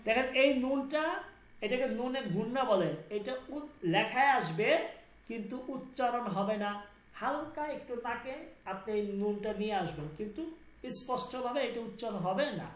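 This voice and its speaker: A man's voice: very high-pitched, expressive, normal speed, reverberant. A man teaching a language class, repeating each sound and asking students to confirm.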